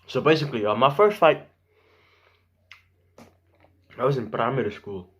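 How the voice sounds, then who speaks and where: A young man telling a story casually to camera in animated slang, acting out bits of dialogue. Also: medium pitch, fast talker. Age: young adult. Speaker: vlogger. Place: small room at home.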